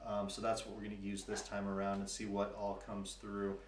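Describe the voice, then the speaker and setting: Fast-talking man in an echoey room. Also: fairly low pitch, completely flat delivery, distant mic. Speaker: paranormal investigator, live show host. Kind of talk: casual live-stream commentary. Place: indoor room. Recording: echoey room, off-mic, clear hiss and clicks.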